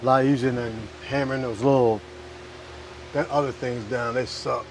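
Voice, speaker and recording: A man's voice: mid-range voice, fairly even intonation, normal speed. Offhand man muttering over noisy background hum. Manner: offhand, muttering to himself, swearing. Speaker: DIY vlogger. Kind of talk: casual hands-on work vlog. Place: inside a food truck. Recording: clear vehicle and fan noise.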